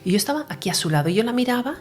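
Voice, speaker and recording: A woman's voice: a little high, sing-song, racing, soft background music. A woman recounting her near-death experience in an interview, earnest and emotional, sometimes dropping to a whisper. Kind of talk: personal testimony in an interview.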